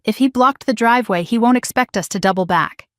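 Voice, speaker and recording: A woman's voice: a little high, brisk, dry recording, clean studio sound, lightly acted. A woman voicing a tense young man who speaks in short, urgent lines while driving his family to safety. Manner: terse, urgent.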